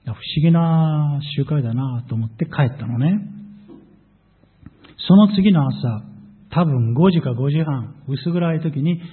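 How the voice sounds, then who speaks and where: A man preaching as a pastor, telling his testimony in an animated storytelling way. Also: fairly high pitch, slightly rough. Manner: animated storytelling, voices quoted people. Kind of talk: sermon testimony. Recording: tinny phone-like audio.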